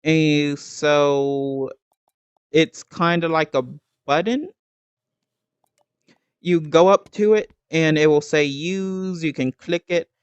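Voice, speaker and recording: Man, game building tutorial, slow and halting, hiccuping, smooth fairly high voice. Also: steady tone, no echo. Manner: slow, halting, with many ums and restarts.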